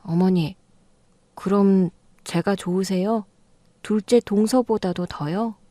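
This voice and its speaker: A woman's voice: medium pitch, slow pace, mellow, no room sound, lightly acted. A woman voicing a younger daughter-in-law in an audio drama, pressing and reproachful. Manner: insistent, reproachful. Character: younger second daughter-in-law, blunt and accusing.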